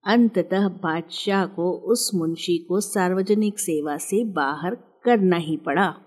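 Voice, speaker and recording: A woman narrating a scripted storybook in a measured, clear storytelling manner. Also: lowish voice, a little mellow.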